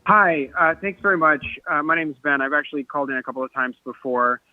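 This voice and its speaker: A man's voice: on the high side, fast, dry recording. A man calling in to public comment, hesitant and full of fillers but appreciative. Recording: tinny dry phone line.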